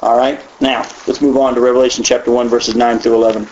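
A man from the United States teaching the Bible in a conversational way, animated and folksy, with frequent asides and repeated words. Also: medium pitch, fast, a little hiss or hum. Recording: echoey, dull lo-fi room sound.

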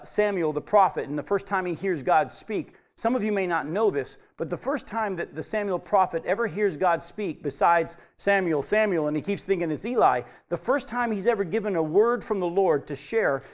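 A man preaching a sermon as pastor, talking plainly with the congregation and asking them questions, swinging from emphatic peaks to quiet low asides. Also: brisk, few pauses. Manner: conversational, asks the congregation questions.

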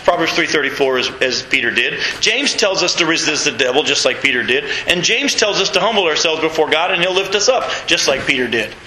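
A middle-aged man preaching a sermon as pastor, animated and reading scripture aloud to his congregation. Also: sits high, reverberant, slight background noise, poor audio. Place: church sanctuary with congregation.

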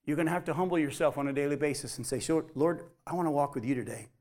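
High-pitched guy preaching a sermon, animated, does little voices for quotes. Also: quick pace. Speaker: pastor.

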